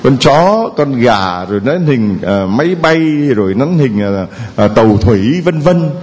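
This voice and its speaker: A man's voice: medium pitch, very animated, unhurried, a little mellow. A man preaching a homily who keeps a playful tone, quizzing the congregation with questions and chuckling between points. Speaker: priest.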